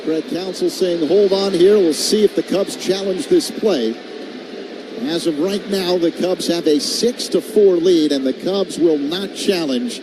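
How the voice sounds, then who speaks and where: A high-voiced man keeps a measured pace as he calls baseball live on radio, using short clipped phrases. Loud stadium noise never lets up, and his voice climbs to shouts on the big plays.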